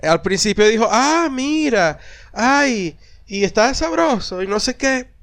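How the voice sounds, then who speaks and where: A man, co-hosting a podcast and telling an animated story in casual chat, acting out quoted voices. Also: sits high, normal speed. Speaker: podcast co-host.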